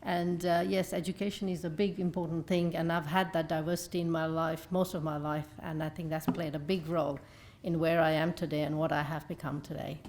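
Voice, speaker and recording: A woman's voice: deep voice, little pitch movement, fairly quick, a little mellow, a little hiss or hum. A woman from India moderating a conference panel in a chatty way, with many fillers.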